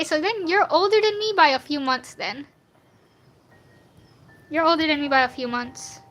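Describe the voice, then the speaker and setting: A 19-year-old streamer sketching fan art live keeps up a loose, slang-heavy, self-deprecating stream of chatter. Her voice is high-pitched, bright and forceful, sounding younger than she actually is.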